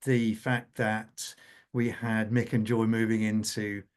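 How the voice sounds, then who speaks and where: A scriptwriter takes part in an unscripted panel conversation, speaking haltingly and often repeating words as he goes. His voice is fairly low in pitch with a flat delivery.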